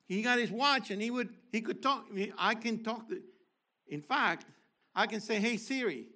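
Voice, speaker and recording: A man's voice: high voice, moderate pace, sharp tone. An older man teaching a sermon, explaining Hebrew words with emphatic bursts. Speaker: Messianic teacher.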